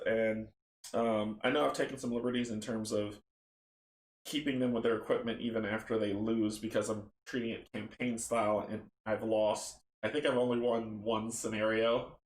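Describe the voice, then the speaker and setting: A man casually chatting and reading a horror board game story aloud, relaxed and rambling. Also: medium pitch, slight background noise. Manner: relaxed, rambling, laughs at own slips. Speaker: tabletop game player and narrator. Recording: roomy echo.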